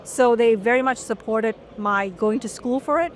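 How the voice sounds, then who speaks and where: A middle-aged woman from Malaysia with a somewhat high voice tells her story. She speaks in an articulate, measured way, as a guest in a long-form interview. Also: a little hiss or hum. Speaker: guest journalist.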